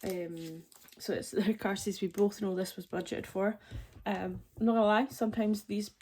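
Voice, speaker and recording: A woman's voice: mid-range voice, fairly even intonation, normal speed, darkish tone, breathy edge. A woman in her forties, chatting in a rambling way while showing her budgeting items, with playful self-mocking jokes. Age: 40s. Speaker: budgeting vlogger. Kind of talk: casual chat. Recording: crinkling packaging noise close to the mic.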